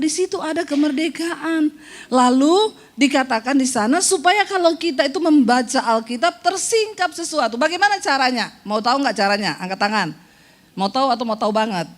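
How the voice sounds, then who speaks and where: A woman pastor preaching a lively sermon, playful and teasing toward her congregation, acting out the voices she quotes. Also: high-pitched.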